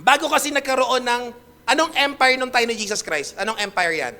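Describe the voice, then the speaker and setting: Male pastor, high bright voice, lively preaching that quizzes the congregation. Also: brisk. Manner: animated, asks the congregation questions and mixes in English. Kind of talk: sermon.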